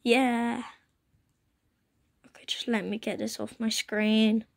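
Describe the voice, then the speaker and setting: This croaky young woman, a gaming channel host, chats through casual gameplay at home, capturing her laptop screen on a handheld phone while rain falls outside. Her voice is fairly high with little pitch movement and a slow pace, though she's chatty and exclaims often.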